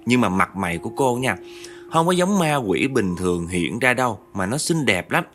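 A man's voice: medium pitch, very animated, moderate pace, fairly bright tone, faint music behind. A man narrating a ghost story in a chatty way, often turning to address his listeners directly.

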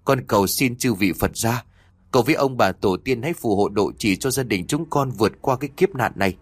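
A man's voice: mid-range voice, brisk, breathy edge, no echo, clean studio sound, close to an everyday voice. A man doing a fearful older mother. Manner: pleading, trembling.

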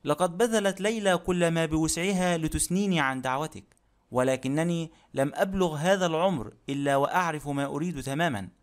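A man's voice: a little high, a little fast, close to an everyday voice. A man voicing a stubborn elderly lady. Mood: firm. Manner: firm, self-assured speech. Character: elderly widowed aunt, stubborn. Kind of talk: audiobook character reading.

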